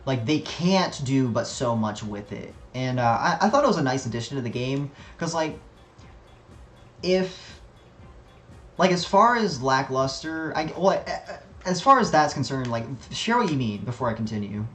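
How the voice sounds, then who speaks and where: A man's voice: mid-range voice, sing-song, moderate pace, fairly bright tone, roomy sound, soft background music. A man streaming a video game, ranting casually with frequent swearing and fillers. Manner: rambling, profane, lots of fillers. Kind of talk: casual gaming commentary.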